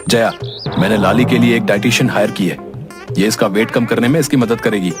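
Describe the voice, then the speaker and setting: A man's voice: fairly low pitch, brisk, close to an everyday voice. A man voicing a frustrated young husband in a cartoon story, complaining about his wife. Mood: explaining. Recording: voice over background music.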